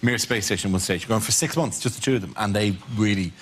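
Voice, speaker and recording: A man's voice: on the low side, quick pace, a little hiss or hum. A man hosting a comedy panel show, telling stories in a wry way.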